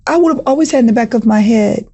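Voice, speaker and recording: Woman, podcast guest, animated storyteller, raspy, low warm tone. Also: quick pace. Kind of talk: storytelling in casual talk.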